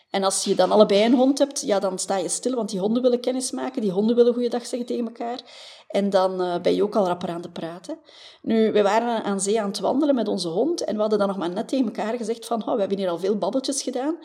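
A woman with a Flemish accent talks through a motivational podcast monologue. Her voice is warm and mellow, her pitch sits mid-range, and she speaks in a friendly, chatty way, ending many sentences with a questioning "hè". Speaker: podcast host, former family doctor.

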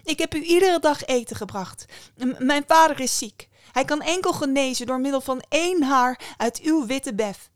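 A woman voicing a brave, desperate young woman who speaks high and loud in a storybook tale. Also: normal speed, no echo, studio quality, close to an everyday voice. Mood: pleading. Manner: high, loud, breathless pleading.

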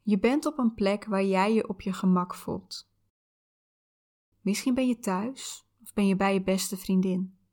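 A woman podcast host leading a guided visualisation in a soft, soothing, unhurried meditation voice. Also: medium pitch. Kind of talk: guided visualisation, spoken coaching.

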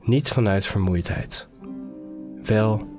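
Casting: man, scripted fairy-tale narration, very slow, faint music underneath. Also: fairly low pitch. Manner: unhurried storyteller, measured pauses. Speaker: podcast narrator. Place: podcast studio.

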